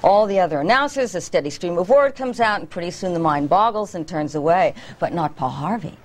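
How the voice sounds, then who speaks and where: A woman's voice: on the low side, expressive, fairly quick. A middle-aged woman vocal coach on a morning show, speaking articulately and stretching her consonants for emphasis.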